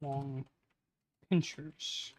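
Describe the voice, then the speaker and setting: A man in his late twenties with a mid-range voice, steady tone, and drawn-out words streams casually as he writes a tabletop campaign. He mutters lines aloud while typing, then turns to banter with friends, swearing freely.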